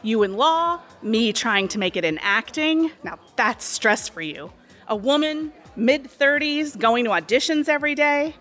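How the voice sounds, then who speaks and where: A woman's voice: on the high side, lively intonation, measured pace, fairly bright tone, faint music behind. An actress in her thirties playing a sly, chatty cocktail waitress and aspiring actress in an audio drama. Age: 30s. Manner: chatty, sly, sweetly condescending. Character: scheming woman bar waitress, aspiring actress.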